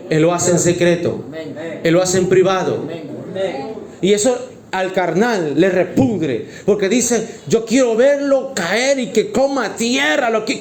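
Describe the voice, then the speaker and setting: A man's voice: high-pitched, a little mellow, echoey room, a little hiss or hum. A man preaching a sermon as pastor, emphatic and rhetorical, with joking asides.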